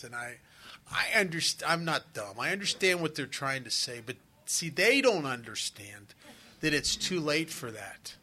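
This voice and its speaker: A middle-aged man giving an earnest, confessional personal testimony at a recovery meeting, with frequent halting restarts. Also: medium pitch, bright, forceful tone.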